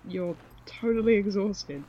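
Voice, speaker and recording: A man playing a gentle, candid young college friend in an audio drama, plain-spoken and conversational. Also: high voice, a little slow, highs cut off, a little hiss or hum. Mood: concerned. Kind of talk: naturalistic audio drama acting.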